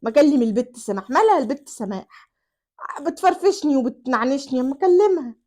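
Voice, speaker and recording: A woman voicing a weary husband in an Egyptian accent, grumbling with loud exasperated bursts. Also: sits high, expressive, quick pace.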